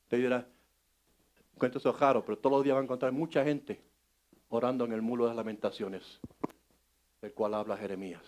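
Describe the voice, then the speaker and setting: A man's voice: medium pitch, steady tone, brisk, long pauses, darkish tone, slight background noise. A middle-aged man preaching a conversational sermon, telling personal stories and asking the congregation questions. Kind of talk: sermon teaching.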